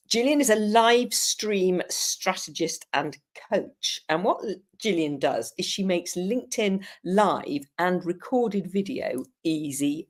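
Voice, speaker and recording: A woman's voice: fairly low pitch, a little mellow. An English woman hosting a live online chat show, bubbly and effusive with guests. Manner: bubbly, effusive, laughs often. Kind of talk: enthusiastic livestream chat.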